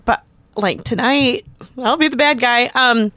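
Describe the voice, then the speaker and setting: A woman's voice: on the high side, measured pace, bright, forceful tone, no room sound. A woman co-hosting a talk show, chatting casually about family life in a self-deprecating way. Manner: chatty, self-deprecating, jumps into quoted voices. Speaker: radio show co-host. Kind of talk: casual banter.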